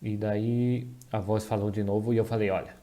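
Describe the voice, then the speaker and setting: A man speaks a dubbed testimony in a low, deeply mellow voice. He keeps stopping to restart and correct himself as he tells it, so the delivery sounds halting. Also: little pitch movement. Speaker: voice-over interpreter dubbing a testimony.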